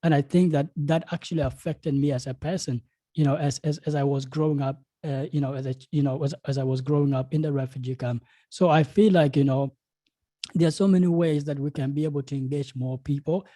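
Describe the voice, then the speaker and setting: A man's voice: on the high side, fairly even intonation, brisk, dark tone, no room sound. A young man from South Sudan, speaking earnestly as a panelist in a video call, with many fillers and repeated words. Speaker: panelist, game studio founder. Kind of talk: panel discussion remarks.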